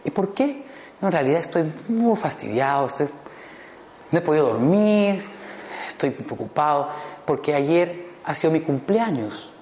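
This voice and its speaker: A man's voice: on the high side, sing-song, a little slow, darkish tone, slight background noise. A man voicing an anxious forty-year-old male lifeguard who sighs and whines over his worries, in an echoey hall. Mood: worried. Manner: whiny, sighing "ay" worries. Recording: echoey hall with long reverb.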